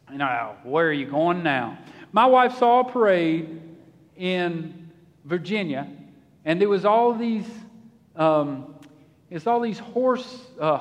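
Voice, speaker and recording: High-voiced, lively preacher in a reverberant church. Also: male voice, highs cut off. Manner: animated, folksy preaching with acted-out voices. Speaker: pastor. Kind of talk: sermon.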